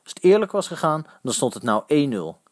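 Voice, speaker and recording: A man voicing an indignant boy football fan who shouts his protests. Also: on the high side, big pitch swings, a little fast, dry recording, studio quality. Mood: angry.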